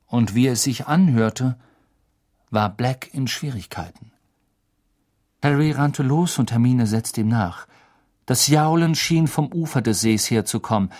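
Expressive male audiobook narrator. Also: mid-range voice. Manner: expressive, dramatic storytelling.

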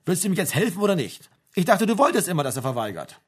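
A woman's voice: lowish voice, sing-song, fast, slightly rough, voice pushed up. A man doing a stern, scolding mother. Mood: indignant. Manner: indignant, sharp, nagging. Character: stern scolding middle-aged German mother.

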